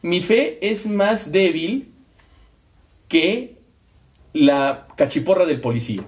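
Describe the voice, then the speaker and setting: A man's voice: sits high, big pitch swings, takes it slowly. A man co-hosting a talk show, explaining his points emphatically and finishing his partner's sentences. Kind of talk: conversational commentary.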